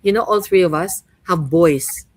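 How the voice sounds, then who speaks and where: A middle-aged woman from the Philippines hosts a podcast chat in a low voice. She talks in a chatty way and leans on "you know" and "right?". The sound is dry and close. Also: a little slow, no echo, low-quality recording. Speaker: host and coach.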